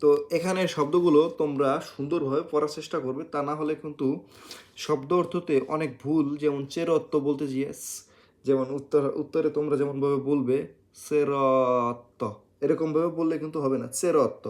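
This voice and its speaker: A man teaching beginners Italian, drilling syllables slowly one by one and explaining patiently, repeating so they remember. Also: fairly high pitch, steady tone, a little mellow. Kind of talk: beginner language lesson.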